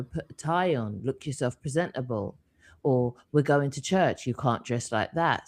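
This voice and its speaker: A man's voice: mid-range voice, a little mellow. A man co-hosting a spiritual live talk, telling a candid personal story with quoted asides. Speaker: co-host.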